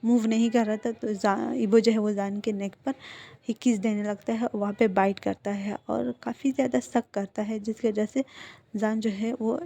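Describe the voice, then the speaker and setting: A woman's voice: fairly high pitch, fairly even intonation, moderate pace, gravelly, warm tone. A woman narrating a romance story in a chatty, casual retelling. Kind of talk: casual fan-fiction narration.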